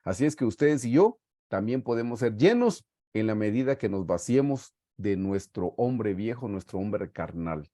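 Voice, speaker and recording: Earnest preacher, mellow and dry. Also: male voice, lowish voice, animated, moderate pace, dry recording. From Guatemala. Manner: earnest, warm pastoral storytelling, often saying "hermanos". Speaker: Bible study teacher. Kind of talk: sermon-style Bible teaching. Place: home on a video call. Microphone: video call mic.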